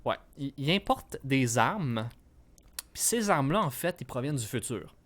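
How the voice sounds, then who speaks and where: A man's voice: mid-range voice, sing-song, moderate pace, fairly bright tone. A young man with a Quebec French accent, co-hosting a casual film podcast, hesitant and restarting his sentences often. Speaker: podcast co-host.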